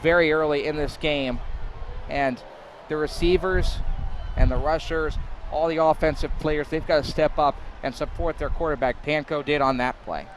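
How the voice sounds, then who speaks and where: A young man giving live college football play-by-play, excitable, rising to shouts on big plays and sometimes stumbling over his words. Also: a little high, moderate pace, a little hiss or hum. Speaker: play-by-play commentator.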